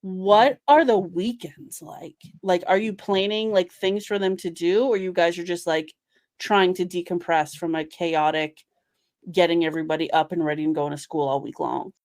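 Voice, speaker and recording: A woman's voice: on the low side, fairly even intonation, moderate pace, a little mellow, no echo, clean studio sound. A woman of Puerto Rican heritage hosting a casual chat, playful and sassy, with lots of "like". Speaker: podcast host.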